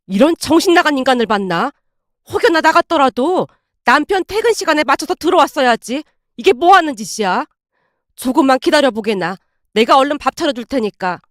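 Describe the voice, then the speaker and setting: Woman voices a stern older mother-in-law, high and biting, loud rebukes. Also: expressive, a little fast, dry recording, clean studio sound. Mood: scolding. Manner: sharp, scolding rebukes.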